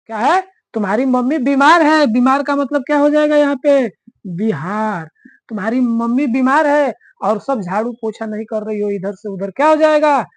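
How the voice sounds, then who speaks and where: Lady teacher going over map memory tricks, asks a question then answers it, repeats answers, bit high voice, dry close sound. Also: no room sound. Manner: asks the class questions and answers them herself; drills answers by repeating them.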